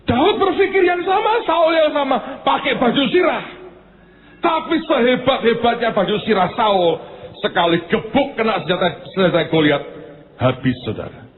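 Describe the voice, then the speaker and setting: Male pastor with a Javanese-inflected Indonesian accent, high and lively sermon delivery, tinny recording. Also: moderate pace. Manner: animated storytelling, swings between high exclaiming and low murmured asides. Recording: tinny phone-like sound with faint noise.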